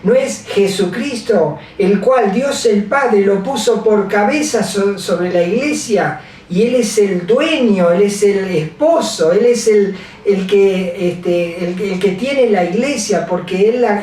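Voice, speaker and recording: A woman preacher giving a sermon, halting and repeating her scripture references with many fillers. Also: medium pitch, dark tone. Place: large echoey church hall. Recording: very echoey hall from far off.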